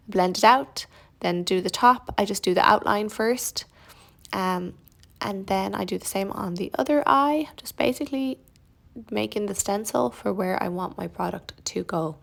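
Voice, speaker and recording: A young woman talks through her makeup routine in a relaxed, chatty tutorial voice. There's a touch of vocal fry and grit in her tone, and she drops in easygoing, self-deprecating asides. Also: mid-range voice, normal speed. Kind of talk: casual narrated tutorial.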